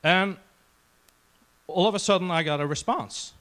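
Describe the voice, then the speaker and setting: In a conference session room, a crowd listens to a roughly forty-year-old man from Norway with a Norwegian accent give a casual presentation. His voice sits high and a bit bright, and he keeps a measured pace while sounding informal, chatty and self-deprecating.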